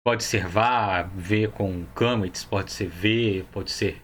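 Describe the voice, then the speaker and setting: A man's voice: fairly low pitch, steady tone, slow, fairly bright tone, slight background noise. A man with a Brazilian Portuguese accent teaching a Hebrew grammar lesson, explaining each step patiently and often checking that the viewer follows.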